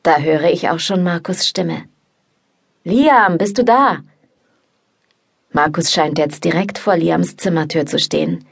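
A woman narrating an erotic novel in the first person, in calm, intimate storytelling. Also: low voice, moderate pace, vocal fry, hardly any pauses, husky. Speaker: audiobook narrator.

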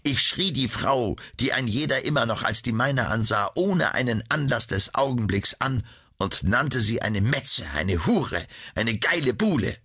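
A man voicing a cursed young prince who grimly recounts his betrayal, in a grave, measured way. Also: mid-range voice, lively intonation, bright, forceful tone, breathy edge, dry recording, clean studio sound, heavily acted. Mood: bitter.

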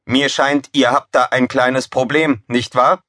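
A man's voice: mid-range voice, steady tone, unhurried, fairly bright tone, no echo, clean studio sound, pitched above the performer's own voice, close to an everyday voice. A man voicing a cheerful, polite talking ship computer in a storybook. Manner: chirpy, polite machine voice.

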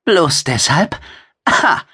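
A man's voice: a little high, big pitch swings, slow, sharp tone, husky, no room sound, studio quality, voice pushed up, full character voice. A male audiobook narrator voicing a fierce, teasing pregnant female alien warrior. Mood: mocking. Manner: mocking, threatening, playful. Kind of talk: audiobook character voice.

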